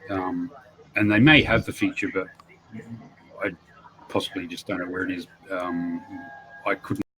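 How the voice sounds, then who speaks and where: Low-voiced man rambling on a call. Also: fairly even intonation, measured pace, noisy background. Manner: rambling, hesitant, many ums. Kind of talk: casual chat.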